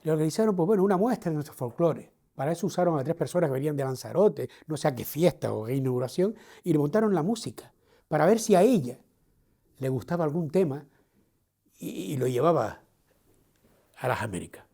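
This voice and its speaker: A man's voice: a little high, a little fast, vocal fry, breathy edge, heavily acted. A man with a Canarian accent playing a proud older Canarian man, telling his own life story straight to a touring audience. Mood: proud storytelling. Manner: lively storyteller, addresses listeners directly. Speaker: actor on a theatrical walking tour. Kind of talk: theatrical first-person storytelling.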